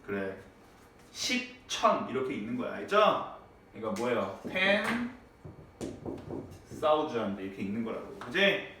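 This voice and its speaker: A man teaching a high school English class in a classroom, checking on students with frequent tag questions. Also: sing-song, a little slow, pauses often, sharp tone. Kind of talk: classroom lecture. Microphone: far from the mic. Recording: echoey classroom, distant mic, faint noise.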